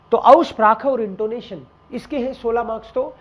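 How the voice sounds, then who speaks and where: A man's voice: very high voice, slow pace. A man teaching a German exam class in a casual explaining style, talking straight to his students and dropping in German example sentences. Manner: mixes Hindi with German example phrases, addresses students directly.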